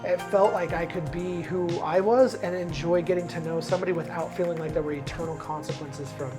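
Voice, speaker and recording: A man speaking in a reflective, measured way in a confessional interview, with small hesitations. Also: on the high side, steady tone, loud music behind the voice. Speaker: reality show contestant.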